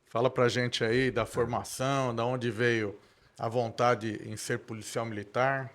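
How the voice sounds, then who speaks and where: A man's voice: mid-range voice, level tone, unhurried, a bit bright. A man co-hosting a podcast, greeting the guest politely and leading the first question. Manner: polite, welcoming. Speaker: podcast co-host.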